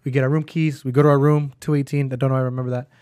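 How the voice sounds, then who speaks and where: A young man telling a story in a casual chat, animated and full of slang and swearing. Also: mid-range voice, very fast, no echo, studio quality. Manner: animated, swearing, acts out quotes. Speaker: podcast co-host.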